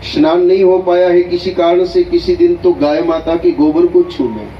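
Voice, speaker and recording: A man acting as a guru at an initiation ceremony, giving slow, deliberate spiritual instruction and often checking that listeners follow. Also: sits high, steady tone, faint music behind. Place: hall at an initiation gathering. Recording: echoey, dull, distant hall recording.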